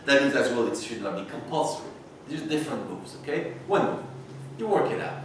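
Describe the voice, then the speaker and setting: A man leading an adult workshop, pressing the group with quick, repeated questions. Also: mid-range voice, sing-song. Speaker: workshop leader. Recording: echoey room, distant mic, noisy.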